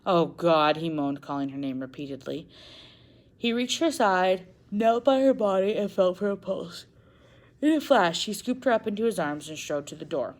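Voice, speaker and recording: A woman narrating a first-person novel in an expressive reading, now and then correcting a slip. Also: lowish voice, moderate pace. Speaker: audiobook narrator.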